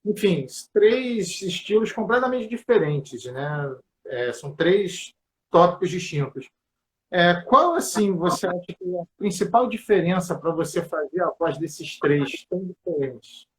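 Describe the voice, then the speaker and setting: A man's voice: sits high, expressive, a little slow, fairly bright tone, slight background noise, poor audio. A man with a Brazilian Portuguese accent interviewing a guest in a casual, chatty and enthusiastic way.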